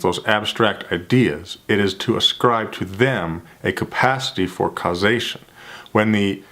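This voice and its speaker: A male vlogger speaks to the camera in an earnest, reflective, measured way, his somewhat low, fairly bright voice unhurried and stretching out phrases. He stutters, repeating first sounds and restarting words.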